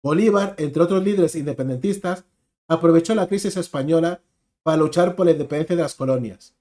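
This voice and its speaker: Un hombre con acento de España que comenta y reflexiona con calma sobre un video de historia. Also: male voice, on the high side, a little fast. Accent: Spanish from Spain. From Spain. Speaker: reaction video host. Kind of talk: casual commentary.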